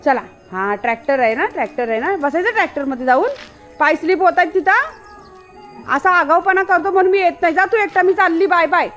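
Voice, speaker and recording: High-pitched woman vlogging with her dogs outside, bossing them around, camera in hand, some light rain. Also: lively intonation, fairly quick, a bit bright, faint music behind. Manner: coaxes and scolds her dogs. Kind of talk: casual vlog talk. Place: outdoors in a village lane, light rain. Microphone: handheld camera while walking.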